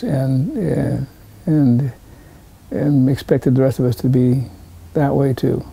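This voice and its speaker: A man in his sixties, a political consultant, recalling his career in an interview with many pauses and fillers. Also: medium pitch, vocal fry, dark tone, breathy edge, low-quality recording. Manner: hesitant, many fillers and restarts. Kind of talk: interview recollection.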